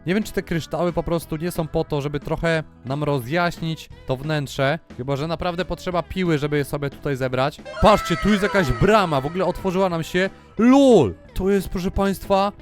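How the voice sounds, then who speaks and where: Excitable young man narrating gameplay. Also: on the high side. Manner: exclaims often, addresses the audience. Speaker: gaming YouTuber. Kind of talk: excited Let's Play commentary.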